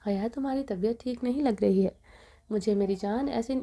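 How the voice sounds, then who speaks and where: A woman's voice: fairly high pitch, mellow. A woman voicing a grown mafia leader who pleads emotionally with his wife, in an audio novel reading. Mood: pleading.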